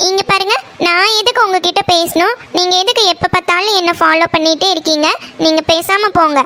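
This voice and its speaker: A woman's voice: extremely high pitch, brisk, sharp tone. Meena, a snappish young cartoon college girl voiced by a woman. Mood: scornful. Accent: Kongu Tamil (Coimbatore). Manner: snappish, scolding, dismissive. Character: sharp-tongued young college woman, quick to anger. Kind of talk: cartoon voice acting.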